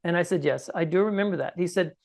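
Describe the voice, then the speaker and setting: This podcast guest, a man in his sixties, narrates his personal story fast, his scratchy voice sitting high with a slightly mellow tone. He's emphatic and conversational in the first person, checking in with listeners through frequent "okay?" and "right?".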